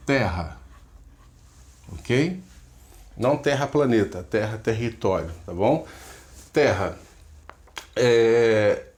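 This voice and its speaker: A middle-aged man teaches a grammar lesson at an unhurried, patient pace, breaking each point into small steps. His voice sits at an ordinary middle pitch, and he often stops to check that the listener is following. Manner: patient, explains step by step, checks in with "ok?" and "tá?". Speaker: pastor teaching biblical Hebrew. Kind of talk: recorded online lesson.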